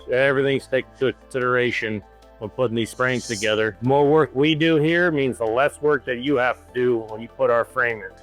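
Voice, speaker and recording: A man giving an informal guided tour as shop foreman in a warehouse workshop, explaining things in a plain-spoken way. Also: mid-range voice.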